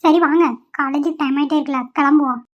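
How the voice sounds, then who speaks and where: A woman's voice: sits high, steady tone, a little fast, dull audio. Woman as a mild young cartoon wife.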